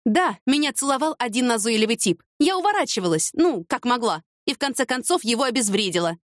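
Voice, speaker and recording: A woman's voice: fairly high pitch, lively intonation, a little fast, dry recording, clean studio sound, pitched above the performer's own voice, natural voice. A woman reading an audiobook, voicing a fiery, impulsive young woman with heated, emphatic retorts. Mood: insistent.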